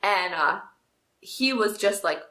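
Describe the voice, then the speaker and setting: Bright-voiced woman telling a story. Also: medium pitch, takes it slowly. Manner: animated storyteller, acts out quoted voices. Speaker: podcast co-host. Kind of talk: casual chat. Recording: echoey room.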